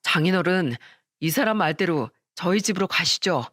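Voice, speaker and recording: A woman's voice: on the low side, lively intonation, moderate pace, fairly bright tone, no room sound, clean studio sound. A woman voicing a respectful, earnest son-in-law who speaks politely in a story radio reading.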